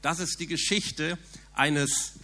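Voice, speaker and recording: A man's voice: a little high, steady tone, slow, pushed and bright. A man preaching a sermon in an earnest, emphatic way, asking the listeners rhetorical questions.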